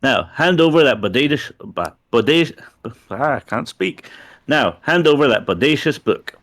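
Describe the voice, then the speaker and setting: A man's voice: medium pitch, big pitch swings, normal speed, fairly bright tone. A man voicing a laid-back young surfer dude with slangy, drawling talk.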